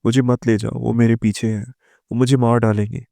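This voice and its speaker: A man's voice: medium pitch, level tone, gravelly, warm tone, no echo, studio quality, close to an everyday voice. A man reading as a paranoid, terrified young wife.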